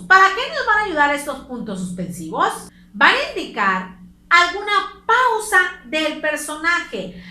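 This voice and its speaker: Mexican woman, teacher for a kids' class, lively high voice, patient step-by-step explaining, echoey room. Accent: Mexican Spanish. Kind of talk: recorded class lesson for children.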